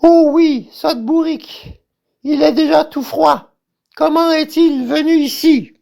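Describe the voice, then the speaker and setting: Shrill, high-pitched tyrant's wife. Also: female voice, takes it slowly, vocal fry, darkish tone, full character voice. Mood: mocking, curious. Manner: shrill, exclamatory. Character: shrill, mocking, scheming wife of a buffoon tyrant. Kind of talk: theatrical farce acting.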